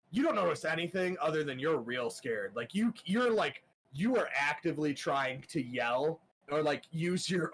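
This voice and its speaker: A man narrating a tabletop game as game master, halting with many fillers. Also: fairly high pitch, husky, poor audio.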